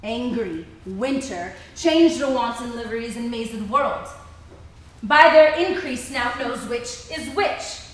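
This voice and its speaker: A woman's voice: a little high, expressive, takes it slowly. A woman playing a proud, indignant fairy queen in theatrical, declamatory Shakespearean stage verse. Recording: very echoey hall, far from mic.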